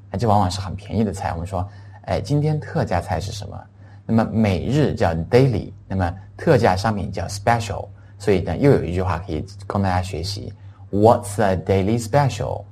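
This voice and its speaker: A middle-aged man giving an English lesson, spelling words out letter by letter and repeating phrases slowly for students to follow. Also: deep voice, lively intonation, warm tone. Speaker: English teacher. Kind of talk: classroom language lesson.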